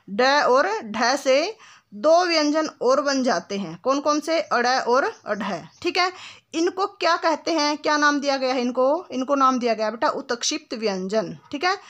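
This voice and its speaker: A woman's voice: sits high, fairly bright tone. A woman teaching Hindi grammar. She asks a question, answers it herself, adds "ठीक है" again and again, and speaks to the students affectionately as "बेटा". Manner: calls the listener "बेटा", patient and instructive; stretches sounds and examples out slowly. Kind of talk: classroom lesson explanation.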